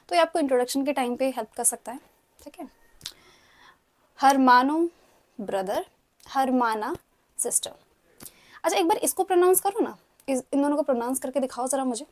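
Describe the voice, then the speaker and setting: A woman's voice: sits high, a little mellow. A young Indian woman with an Indian accent, teaching a casual online language lesson, chatty and mixing Hindi with English as she coaxes students to repeat words.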